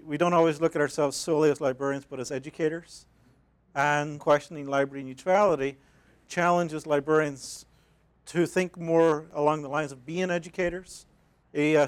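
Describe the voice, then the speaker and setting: A man with a Northern Irish accent, an academic librarian giving a measured, explanatory conference talk. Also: fairly high pitch, clean tone. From Northern Ireland. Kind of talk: conference presentation.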